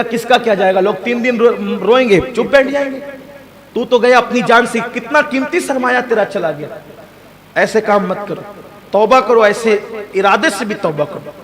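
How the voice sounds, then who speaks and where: Fervent high-pitched male preacher. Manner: fervent, rises to high emphatic peaks, rhetorical asides to the audience. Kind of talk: impassioned sermon. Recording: crowd audible around live sermon.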